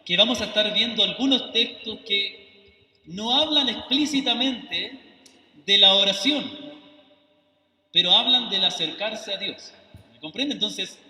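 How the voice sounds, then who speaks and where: Chilean missionary preacher, male, high piercing voice, earnest and pleading, sermon in a hall. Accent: Chilean Spanish. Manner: earnest, pleading, asks "do I make myself understood?"; emotional, rises to forceful rebuke. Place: church sanctuary. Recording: echoey hall, voice from far off.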